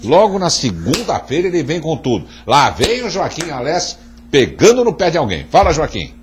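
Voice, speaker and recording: A man's voice: a little high, wildly swooping pitch, moderate pace, faint music behind. An older man hosting a live TV talk show, chummy with callers and given to reminiscing. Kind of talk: live TV studio chat.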